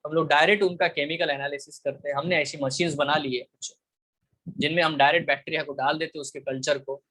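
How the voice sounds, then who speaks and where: A man's voice: fairly high pitch, fairly even intonation, fast talker, sharp tone, rough recording. A man teaching a biology class online, switching between Hindi and English with an Indian accent, calling students "beta" and often checking that they follow. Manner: asks the class frequent check questions.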